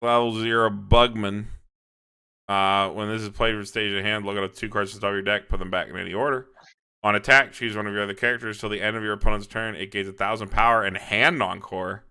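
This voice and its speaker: A man reviewing cards in a casual chat, reading card text quickly and agreeing easily. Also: lowish voice, steady tone, bright, forceful tone, clean tone.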